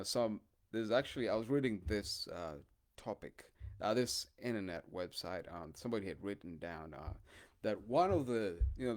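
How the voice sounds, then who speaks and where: Low-voiced man rambling. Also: darkish tone. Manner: rambling, hesitant, many fillers. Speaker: podcast host. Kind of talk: casual monologue.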